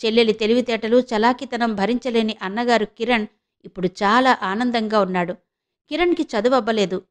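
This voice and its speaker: A woman narrating a novel audiobook in an expressive, measured storytelling manner. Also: on the high side.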